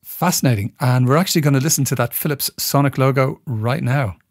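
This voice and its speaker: A man's voice: mid-range voice, brisk, noisy background. A man hosting a podcast interview, introducing clips and asking questions in a polished way. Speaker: podcast host.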